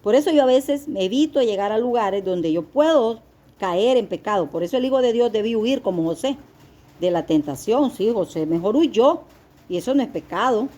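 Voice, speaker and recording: A woman's voice: fairly high pitch, animated, moderate pace, warm tone. A middle-aged woman giving an earnest, confessional sermon-style testimony as a lay preacher, speaking to her listeners as beloved.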